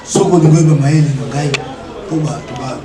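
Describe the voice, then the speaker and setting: A man speaks in a rather high voice, emphatic and fond of repeated rhetorical questions. He sounds distant from the microphone in a roomy, echoing space. A crowd murmurs behind him. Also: a little fast. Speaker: interview guest. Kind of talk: animated interview talk, mixing French and Lingala.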